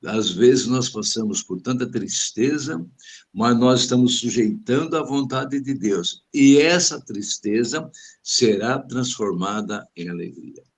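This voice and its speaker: A man with a Brazilian accent, a pastor, speaking in a measured, preacherly way in a Bible study. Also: mid-range voice. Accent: Brazilian Portuguese. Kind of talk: church Bible study discussion.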